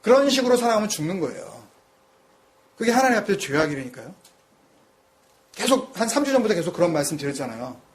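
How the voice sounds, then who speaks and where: Animated Korean pastor preaching, high and lively. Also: male voice, quick pace, pauses often. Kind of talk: sermon.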